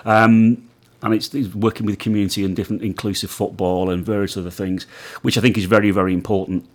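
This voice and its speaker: A man with a low, husky voice hosts a relaxed talk. He speaks haltingly, restarting and repeating words as he searches for what to say. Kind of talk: casual chat.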